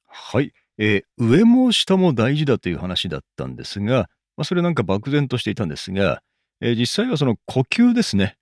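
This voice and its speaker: A male host with a mid-range voice and big, swooping pitch swings talks fairly quickly, recapping each segment of the show with lots of fillers. The recorded commentary between segments is clean studio sound with no echo.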